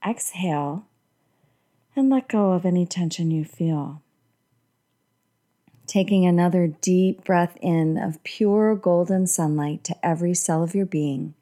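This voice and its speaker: A woman leading a guided breathing meditation in a calm, meditative, soothing tone. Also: lowish voice. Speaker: podcast host and guided meditation leader.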